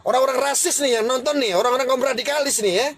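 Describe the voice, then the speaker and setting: A man's voice: very high voice, quick pace, fairly bright tone, slight background noise. A man hosting his own livestream, delivering a heated, confrontational rant that challenges and scolds his critics. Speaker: livestream host.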